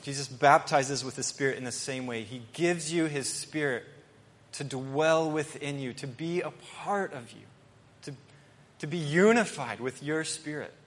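A male pastor preaching an earnest, emphatic sermon with pauses and restarts. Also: a little high. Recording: long hall reverb.

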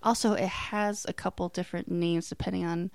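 A woman in casual conversation, chatty and quick to laugh, with lots of "like" and "um.". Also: fairly low pitch, fairly even intonation, creaky, no echo, studio quality. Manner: chatty, laughs often, filler-heavy. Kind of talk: casual chat. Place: American.

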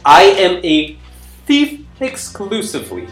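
A man's voice: high-pitched, sing-song, slow, fairly bright tone, roomy sound, soft background music. A man playing a tabletop game, joking and boasting in character as a thief, laughing often. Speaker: player.

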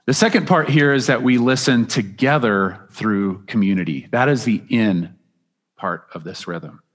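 A man's voice: lowish voice, a little slow. A man preaching a sermon as pastor, earnest and emphatic, often restarting his phrases. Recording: long reverb of a large hall.

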